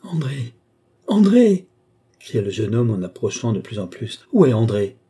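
A man's voice: on the low side, fairly quick, warm tone, husky. A man voicing a wounded young nobleman searching desperately for his sister.

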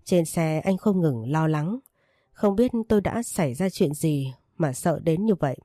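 A woman reading a first-person romance story aloud, voicing the dialogue in her own steady narrating voice. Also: deep voice, unhurried, no room sound, clean studio sound.

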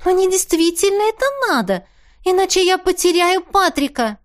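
A woman's voice: very high voice, animated, normal speed, pitched above the performer's own voice. A woman voicing a spoiled young woman who whines and pleads with her cousin. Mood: pleading whiny. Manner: whining, pleading.

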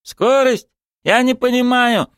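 A man's voice: very high-pitched, slow pace, clean tone, no echo, clean studio sound, pitched above the performer's own voice, heavily acted. A man voicing an evasive, frightened young male driver in an audiobook. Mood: confused defensive. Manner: defensive, shouting back.

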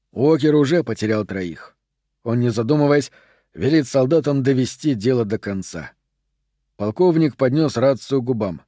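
A man narrating an audiobook thriller in a measured, even reading. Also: mid-range voice, no echo, studio quality.

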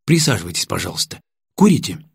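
A man voicing a tense, commanding male counterintelligence lieutenant in an audiobook, with a husky voice. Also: fairly low pitch, sing-song, quick pace, no echo, clean studio sound, full character voice. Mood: apologetic. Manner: sharp commands, then polite apologies.

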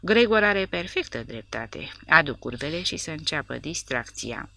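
Lady reading as a loud mocking drunk soldier, brash and rowdy, close dry sound. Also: low voice, very animated, gravelly, no room sound, exaggerated voice. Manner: shouting, mocking.

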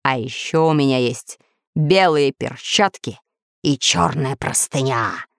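A woman voicing a boastful, scheming male villain who calmly brags about his monsters in a children's story. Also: extremely low pitch, slow, creaky, dry recording, clean studio sound, pitched below the performer's own voice, heavily acted. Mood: smug, boastful. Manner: calm, boastful.

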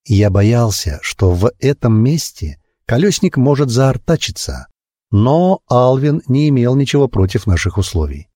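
A man voicing a stern male mountain-clan guardian in an audiobook, speaking firmly and with measured command. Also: mid-range voice, very animated, mellow, no echo, pitched above the performer's own voice. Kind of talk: audiobook character voice.

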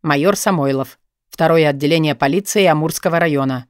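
A woman's voice: sits low, brisk, no echo, pitched below the performer's own voice, close to an everyday voice. A woman reading an audiobook, voicing a formal male police major who speaks dryly. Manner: dry, formal.

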